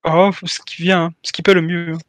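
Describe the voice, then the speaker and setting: A man with a high, quick voice playing in a quiz among friends. He jokes around and laughs easily, and the recording is dry and close, with no room sound. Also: level tone, no room sound. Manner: jokey, quick, laughs often. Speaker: quiz contestant. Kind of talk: casual banter.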